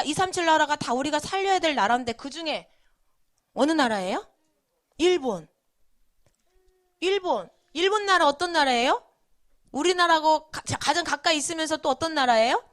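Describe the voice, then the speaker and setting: A woman gives a children's sermon in a high voice. She keeps quizzing the young listeners with questions as she tells the story. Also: lively intonation, moderate pace, pauses often, fairly bright tone. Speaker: children's preacher.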